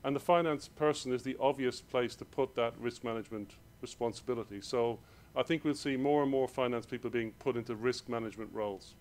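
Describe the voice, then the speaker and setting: A man with an Irish accent, giving a hurried conference presentation in a hall. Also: mid-range voice, a little mellow. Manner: rushed, hurried delivery. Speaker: conference speaker.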